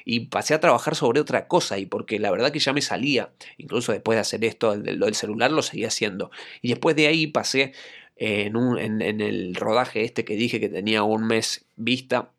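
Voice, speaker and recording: A man's voice: on the low side, fairly quick, fairly bright tone. A man with an Argentine Spanish accent hosting a solo podcast, telling a reflective personal anecdote in a conversational way. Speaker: podcast host and acting coach.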